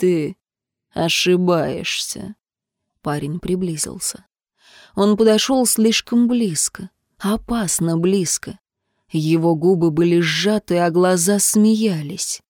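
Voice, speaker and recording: A woman narrating a romance novel as an audiobook, in an expressive, dramatic reading. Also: lowish voice, slow pace, no room sound, clean studio sound.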